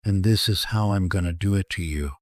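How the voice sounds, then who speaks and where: In acted horror-story dialogue, a man with a low-pitched voice plays a murderous, sleep-starved criminal who gloats with cruelty. He taunts and menaces, stretching out his repetitions, in studio-quality audio with no echo.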